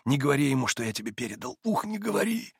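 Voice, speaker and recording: A feverish young man facing trial, pushing his words out in a raised, pleading voice, as a male reader puts him on. The recording is dry and close, with no room sound. He speaks with an audiobook's steady clarity. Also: mid-range voice, a little fast, creaky, breathy edge, dry recording. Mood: urgent. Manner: impassioned, urgent, rises to desperate shouts. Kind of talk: audiobook character voice.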